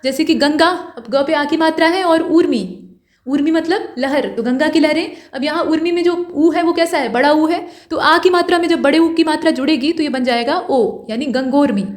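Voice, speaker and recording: A woman's voice: sits high, moderate pace. A woman teaching a grammar lesson for exam preparation, explaining step by step and repeating key points.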